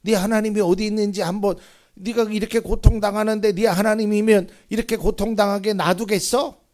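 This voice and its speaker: A man's voice: high voice, fairly even intonation, slow, dark tone, pitched above the performer's own voice. A man voicing a scornful scoffer who taunts a believer, inside a sermon. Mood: sneering. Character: sneering scoffer mocking a believer's faith.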